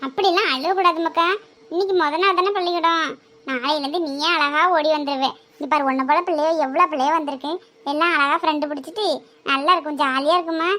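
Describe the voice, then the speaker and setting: A woman's voice: sits high, fairly even intonation, fast talker, sharp tone. A woman playing an anxious, doting mother who coaxes her son and fusses over him. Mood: coaxing. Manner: coaxing, fussing and pleading.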